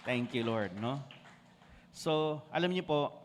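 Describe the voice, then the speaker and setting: A man's voice: medium pitch, lively intonation, slow, background noise. A man with a Filipino accent preaching a sermon, switching between Tagalog and English and calling on the congregation to answer. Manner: asks the congregation for responses. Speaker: pastor.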